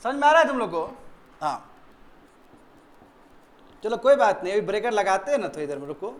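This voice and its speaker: High-voiced man teaching a class. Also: sing-song, a little fast. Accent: Indian English. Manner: quizzing students, repeating answers. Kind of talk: classroom grammar lesson.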